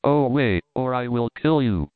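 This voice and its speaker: A fierce young mother ape snaps her warnings, raised and loud over a dry, close sound, as a man reading the story puts her on. Her voice stays smooth and full. The recording is narrow and phone-like. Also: medium pitch, animated, normal speed, no echo, close to an everyday voice. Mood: threatening. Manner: curt warning threats.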